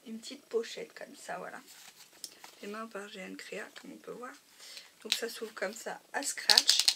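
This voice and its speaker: A woman with a fairly high, gravelly voice and a slightly nasal, stuffed-up sound talks casually about her crafts, pausing often and sometimes dropping to a whisper. A faint hiss sits under the recording. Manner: hesitant, many fillers, drops to a soft whisper at times. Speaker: crafting vlogger. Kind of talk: casual show-and-tell.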